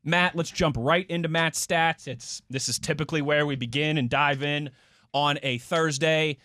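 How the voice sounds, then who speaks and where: A man hosting a casual sports radio show in a studio, upbeat and animated, laughing often. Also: fairly high pitch, moderate pace, no echo. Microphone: studio mic.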